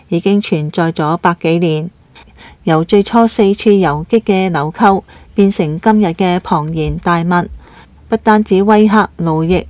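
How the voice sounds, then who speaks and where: A woman narrating a scripted news commentary in a steady, even reading delivery. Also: on the low side, dry recording.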